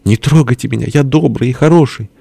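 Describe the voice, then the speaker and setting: A man voicing a small, whiny, squealing old male ruler in an audiobook, shrill and pleading. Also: fast talker, gravelly, dark tone, no room sound. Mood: whining. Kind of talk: audiobook character voice.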